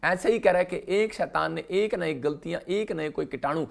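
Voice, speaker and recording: During a live morning prayer sermon, a male pastor with vocal fry speaks a little fast. He keeps returning to his refrains, alternating between booming calls and quiet murmurs.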